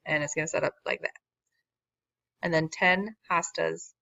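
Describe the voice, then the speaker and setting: A woman with a deep, creaky voice speaks at normal speed in a steady tone that sounds pushed and bright. She's a math teacher working through a word problem in a recorded lesson, casual and wry, with self-deprecating asides as her voice gives out. The lo-fi recording is dull and dry, with no room sound.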